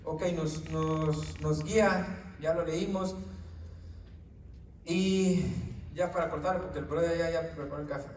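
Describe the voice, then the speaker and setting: A fairly high-voiced man preaches in an informal teaching style to a small gathering, often checking in with "right?" and "brother" and tripping over his words now and then. He sounds set back from the mic in an echoey room, with a faint hiss behind him. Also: fairly even intonation, unhurried, long pauses, a little mellow, recorded from a distance.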